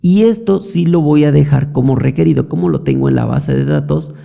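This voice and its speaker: A man walking through a software tutorial step by step, checking in often with quick questions to the viewer. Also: fairly high pitch, very animated, gravelly. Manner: explanatory, frequent check-ins like "¿ok?" and "¿listo?". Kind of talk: screen-recorded software tutorial.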